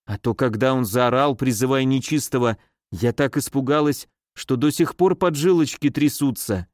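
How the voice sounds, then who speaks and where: A man's voice: mid-range voice, normal speed, no echo, studio quality, natural voice. A man voicing a mannered, easily frightened female nurse in an audiobook. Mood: tipsy, chatty. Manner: mannered, fussy, shrieking when afraid.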